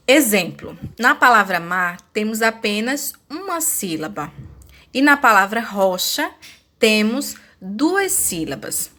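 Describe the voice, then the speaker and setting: A woman teacher with a Brazilian accent giving a lesson, speaking slowly and spelling words out syllable by syllable. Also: a little high, fairly bright tone. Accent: Brazilian Portuguese. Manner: slow, deliberate, spelling out syllables. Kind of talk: recorded classroom lesson.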